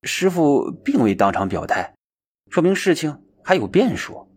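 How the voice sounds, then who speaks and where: A shrewd monk mutters his doubts in a raised, husky voice, as a male storyteller puts him on. He sounds sceptical and knowing in this storybook telling. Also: on the high side, very animated, measured pace, voice pushed up, exaggerated voice.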